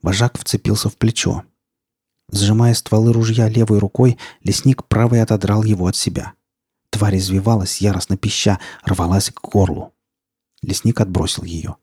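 A man reading an audiobook as narrator, in a tense, gritty storytelling manner with steady, measured delivery. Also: lowish voice, slightly rough, no echo, clean studio sound.

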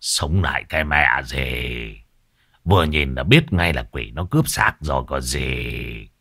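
A man voicing a crude, blunt old man with a low, gruff drawl. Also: lively intonation, unhurried, a bit bright, no room sound, clean studio sound, full character voice. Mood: scornful.

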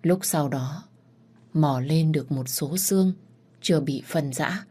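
Woman audiobook narrator, deep-voiced, steady and dramatic. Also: unhurried, breathy edge. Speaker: story narrator. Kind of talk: first-person audiobook narration.

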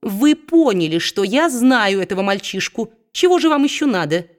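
A woman voicing a sharp, domineering woman who speaks curtly and loudly. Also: medium pitch, big pitch swings, moderate pace, pitched above the performer's own voice, close to an everyday voice. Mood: impatient.

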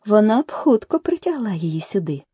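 A woman voicing a curious, polite little girl in an audiobook, speaking earnestly in a soft, breathy half-whisper. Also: medium pitch, sing-song, brisk, no echo, clean studio sound, pitched above the performer's own voice. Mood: eager. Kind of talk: audiobook reading.

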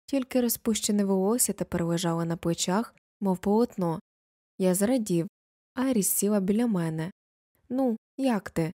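A woman reading a novel aloud as an audiobook narrator, in an even storytelling manner. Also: medium pitch, moderate pace, no room sound, studio quality.

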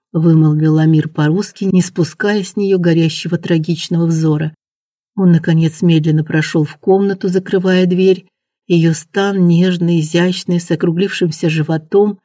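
A narrator reading a romance novel aloud in measured, dramatic storytelling. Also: medium pitch, dark tone, no echo, studio quality. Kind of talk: scripted audiobook narration.

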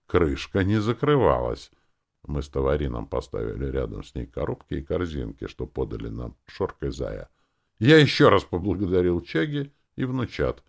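Deep gravelly male audiobook narrator. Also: sing-song, moderate pace. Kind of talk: scripted first-person narration.

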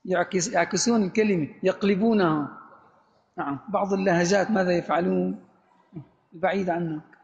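Guy teaching grammar, high voice, keeps asking questions then answering, dull lo-fi audio w long hall echo. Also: steady tone, gravelly. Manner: asks rhetorical questions, then answers them; reads quoted text slowly and deliberately. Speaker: Arabic grammar professor. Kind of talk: lecture explaining a grammar book.

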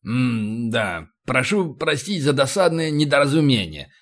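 A man's voice: on the high side, expressive, normal speed, a bit bright. A man doing a mumbling, fawning governor. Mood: placating. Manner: mumbling, apologetic. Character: evasive, fawning male colonial governor.

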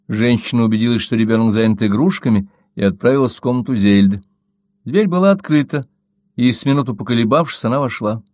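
A man reading a crime novel aloud as narrator, in a measured, even storytelling manner. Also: mid-range voice, no room sound. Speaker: audiobook narrator. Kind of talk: scripted narration.

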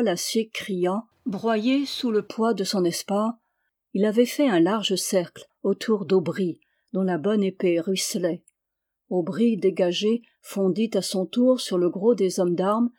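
A woman reading a historical adventure novel aloud as an audiobook, in a steady, measured storytelling manner. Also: medium pitch. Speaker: audiobook reader.

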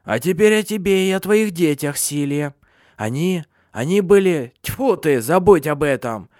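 A man's voice: fairly high pitch, animated, unhurried, no echo, clean studio sound, pitched above the performer's own voice. A man voicing an ancient bedridden witch, an old woman who talks sharply and scornfully in an audiobook. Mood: scolding. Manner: sharp, scolding, imperious. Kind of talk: audiobook character voice.

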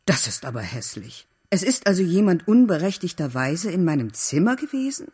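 A man's voice: high-pitched, very animated, a little fast, darkish tone, breathy edge, pitched above the performer's own voice, exaggerated voice. A man reading an audiobook, voicing a curious, talkative young woman lodger with an inquisitive, lightly mocking manner. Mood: curious, teasing.

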